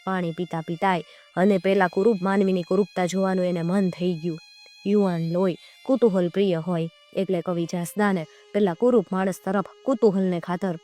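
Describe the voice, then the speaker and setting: A woman narrating a children's folk tale, acting out the dialogue in dialect. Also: lowish voice. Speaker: storyteller. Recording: soft music behind.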